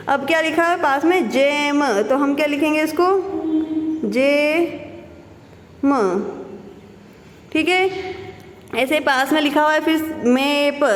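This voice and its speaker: A woman's voice: sits high, slight background noise. A young woman, a school teacher giving a patient lesson to small children, asking questions and answering them herself. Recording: echoey room with reverb.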